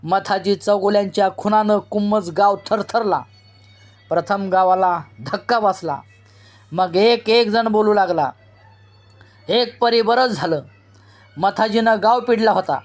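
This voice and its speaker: A narrator reading a novel aloud in a slow, deliberate storytelling manner. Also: mid-range voice. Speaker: audiobook narrator.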